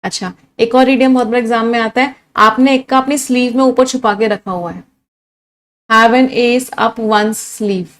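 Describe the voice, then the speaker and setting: Young woman, Indian English accent, fairly high voice, exam-prep vocabulary teacher who repeats and quizzes. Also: steady tone, moderate pace.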